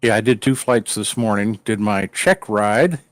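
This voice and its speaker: A man joining a live stream, chatting in a relaxed, plain way. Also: on the low side, unhurried, no echo, clean studio sound.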